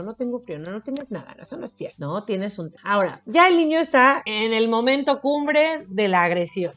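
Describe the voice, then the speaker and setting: A middle-aged woman with a Mexican Spanish accent, an education expert giving advice on a radio talk show, earnest and fond of rhetorical questions. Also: mid-range voice. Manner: earnest, repeats words, asks rhetorical questions. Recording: slightly muffled radio audio with faint music.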